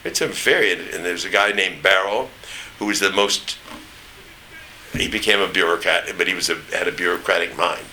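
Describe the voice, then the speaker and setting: An older American man with a standard accent and a low, very bright, forceful voice. He reminisces in loose anecdotes, pausing to search for names. There is a faint hiss behind him. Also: low-quality recording. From East Tennessee, United States. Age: older, 70s or above. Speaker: interviewee recounting memories. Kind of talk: oral history reminiscence.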